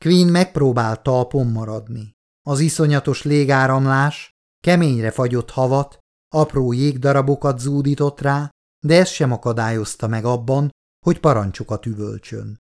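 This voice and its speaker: A man reading a novel aloud as an audiobook narrator, in a steady, measured way. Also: mid-range voice. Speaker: audiobook reader. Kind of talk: scripted narration.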